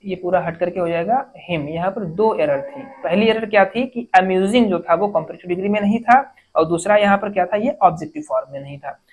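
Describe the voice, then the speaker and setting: A woman teaching an exam-prep grammar lesson, explaining step by step, asking questions and answering them herself, and reading example sentences slowly. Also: fairly low pitch, darkish tone, breathy edge. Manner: reads English sentences slowly, word by word.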